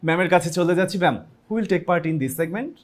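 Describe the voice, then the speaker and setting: A man hosts a classroom lesson at a rapid clip. His voice sits high, and he keeps an upbeat tone as he turns to the students. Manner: upbeat, addresses students directly. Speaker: classroom program host. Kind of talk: presenting a classroom lesson, Bengali mixed with English.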